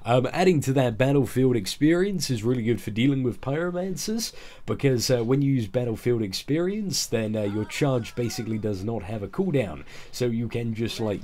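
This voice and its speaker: A man's voice: mid-range voice, mellow. A man who sounds ill and a little groggy, giving casual, explanatory commentary on a video game. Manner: explanatory, informal. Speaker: gaming video creator.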